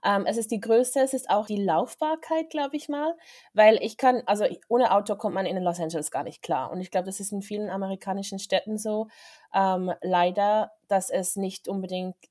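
A young Swiss film director appears as a guest on a podcast, chatting casually in an interview. She speaks thoughtfully and hesitantly with many fillers, using a mid-range, dark-toned voice at normal speed.

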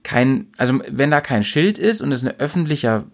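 A man's voice: medium pitch, expressive, normal speed, gravelly. A man co-hosting a casual podcast chat, thinking aloud in an easy way with frequent fillers. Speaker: podcast co-host.

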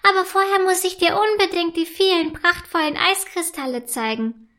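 A woman voicing an excitable female ice elf in a children's storybook, high and bubbly, with eager chatter. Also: normal speed. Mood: thrilled. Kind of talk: storybook reading.

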